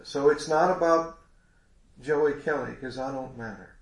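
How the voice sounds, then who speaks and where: A man's voice: medium pitch, measured pace, vocal fry, echoey room. A congested man preaching a sermon in a folksy, rambling way with many restarts.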